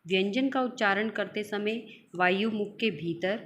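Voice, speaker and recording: Slow, patient woman teaching grammar. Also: mid-range voice, fairly bright tone, a little hiss or hum. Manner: slow, drawn-out example sounds, explains and repeats. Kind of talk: school grammar lesson.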